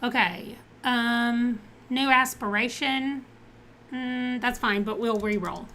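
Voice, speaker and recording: A woman's voice: fairly high pitch, steady tone, slow, pushed and bright, a little hiss or hum. A woman streaming a life-sim game live, chatting casually, thinking aloud as she reads out options and answers viewers.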